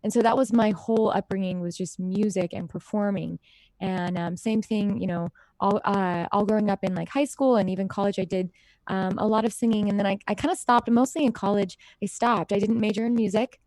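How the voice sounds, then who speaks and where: An American singer-songwriter raised in Idaho and Utah chats informally as an interview guest, sharing personal stories in a friendly way. Her medium-pitched voice is steady, brisk, and a little mellow, with no echo.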